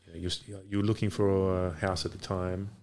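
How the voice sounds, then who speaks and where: Low, flat-toned man, rambling casually. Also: brisk, creaky. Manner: hesitant, rambling. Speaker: podcast guest, boxing coach. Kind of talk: casual chat. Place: home garage.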